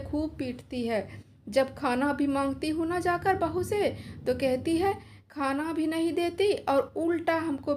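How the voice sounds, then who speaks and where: A frail elderly mother pouring out her grief, as a woman narrator puts her on. She pleads tearfully in a high voice. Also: a little mellow, a little hiss or hum. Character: frail old mother weeping and complaining.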